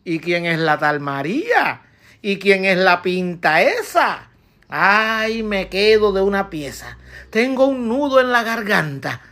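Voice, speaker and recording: A woman voicing a jealous wife who scolds her husband in shrill, sarcastic rhymed verse for a comic piece. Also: big pitch swings, takes it slowly, a bit bright. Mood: scolding.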